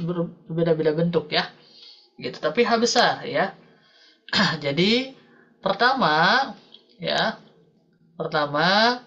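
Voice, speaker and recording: A woman's voice: medium pitch, a bit bright, muffled recording. A woman teaching a recitation class over a video call, patiently explaining and often checking in with her students. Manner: patient, repeats "ya" and "Ibu Bapak" often. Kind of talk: online tajwid class, explaining slowly.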